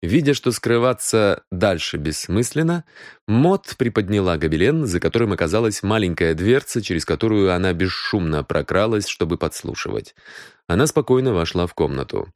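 A male narrator reads an audiobook with an expressive storytelling delivery. His pitch moves a lot, rising and falling with the phrases. The recording is close and dry. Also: normal speed, no room sound. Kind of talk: scripted narration.

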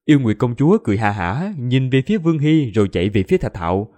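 Expressive male audiobook narrator, warm tone. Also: mid-range voice, quick pace. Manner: expressive storytelling, voices all characters.

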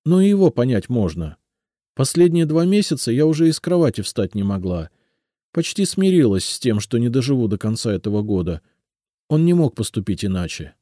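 A man's voice: medium pitch, big pitch swings, fairly quick, warm tone, no echo, clean studio sound, voice pushed up, lightly acted. A man voicing a young female healer who speaks earnestly and pleads, in an audiobook. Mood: pleading.

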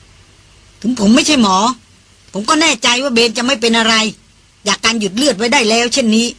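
A woman voicing a hard, blunt male jungle hunter in a Thai audiobook, talking gruffly and curtly. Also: extremely high pitch, normal speed, sharp tone, no echo, exaggerated voice. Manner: gruff and curt.

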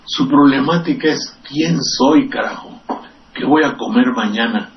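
A man's voice: medium pitch, measured pace. Older Mexican man, sardonic rambling radio rant. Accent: Mexican Spanish. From Veracruz, Mexico. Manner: rambling, sardonic and profane, with digressions. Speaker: radio commentator and host. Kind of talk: political commentary on radio. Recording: distant, dull lo-fi radio recording with faint hiss.

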